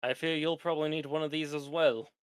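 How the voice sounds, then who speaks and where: A man voicing a calm lich professor in a tabletop game, speaking in a measured, explanatory, formal way. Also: a little high, clear, resonant tone, no echo, lightly acted. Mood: grave. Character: lich professor in a metal mask, calm, instructive.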